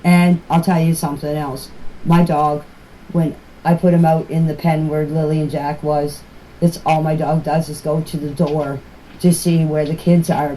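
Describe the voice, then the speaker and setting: A fairly low-pitched, mellow-voiced older woman records casual voice messages on her phone for a group chat. Her talk is plain-spoken, rambling and repetitive, and the recording is noisy and amateur.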